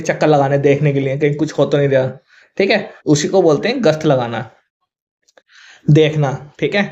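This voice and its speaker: Male teacher, Hindi accent, higher voice, spells words out slowly, dull lo-fi sound. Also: a little mellow. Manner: spells words out letter by letter, often says 'thik hai'. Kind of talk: vocabulary lesson to students. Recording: dull lo-fi recording.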